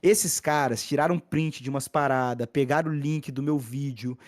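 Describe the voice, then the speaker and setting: A young man tells a story on a podcast in loose street slang. He stays animated and often stops to restart his sentences. It sounds like casual chat, not a script. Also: mid-range voice, moderate pace. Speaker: podcast guest, gaming content creator.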